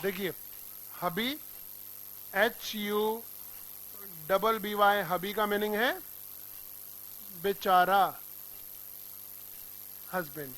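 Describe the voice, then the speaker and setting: Bright high-voiced male teacher. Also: slow, long pauses, poor audio. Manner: drills pronunciation, quizzing students with repeated questions. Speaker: English teacher. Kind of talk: classroom vocabulary lesson.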